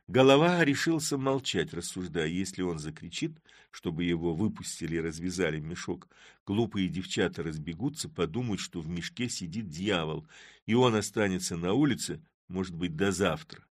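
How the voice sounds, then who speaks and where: A man narrating classic prose in an animated, dramatic audiobook reading. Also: sits low, moderate pace, dry recording, studio quality.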